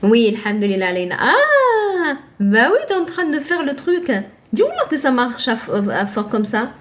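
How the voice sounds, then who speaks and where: Woman, high voice, patient live online teacher who quizzes and answers herself. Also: big pitch swings, moderate pace. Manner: patient, asks and answers her own questions, thanks viewers by name. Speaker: Arabic reading teacher.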